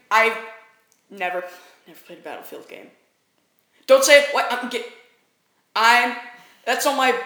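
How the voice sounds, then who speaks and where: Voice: mid-range voice, pushed and bright. A young co-host of a casual gaming podcast, joking and teasing in banter. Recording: echoey room.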